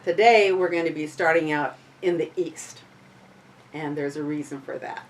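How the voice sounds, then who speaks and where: A woman's voice: low-pitched, normal speed. A woman leading a small group in a sound-healing workshop, explaining casually and then chanting vowel sounds and intoning invocations to the directions. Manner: informal, explains with fillers and restarts. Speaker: workshop leader. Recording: voice from far off the mic.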